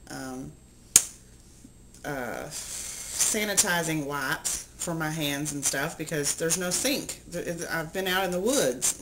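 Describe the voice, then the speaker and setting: A chatty middle-aged woman vlogging to her camera. Her voice sits a little low, and she rambles through stories with plenty of ums. A steady hiss of noise runs under the recording. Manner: chatty, rambling, animated storytelling with many ums. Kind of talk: casual vlog chat.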